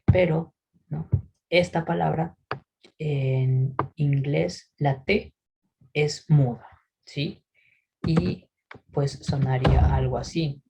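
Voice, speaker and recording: A man teaching English pronunciation in a recorded lesson, patiently explaining and often checking in with a quick "¿sí?". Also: a little high, gravelly, dark tone, slight background noise, rough recording. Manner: models English words slowly for repetition.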